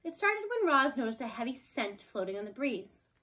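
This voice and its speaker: In a very animated way, at normal speed and with a sharp tone, a fairly high-voiced woman narrates a scripted children's book. She reads it as a storybook reader would for young kids.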